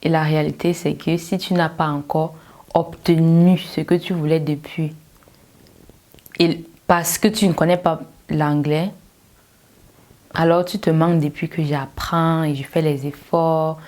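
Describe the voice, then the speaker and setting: A woman with a fairly low voice talks straight to her viewers as a language coach. She delivers a motivational lecture, driving her points home with emphatic, pointed rhetorical questions. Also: fairly even intonation, measured pace, darkish tone. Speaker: English learning coach.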